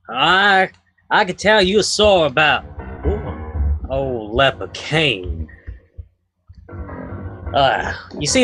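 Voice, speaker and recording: Man playing a high-voiced, slow folksy Western storekeeper. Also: bright, forceful tone, exaggerated voice. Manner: halting, folksy, theatrical storytelling. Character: old-West general store keeper spinning a spooky legend. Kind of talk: improvised Western campfire storytelling. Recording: music behind the voice.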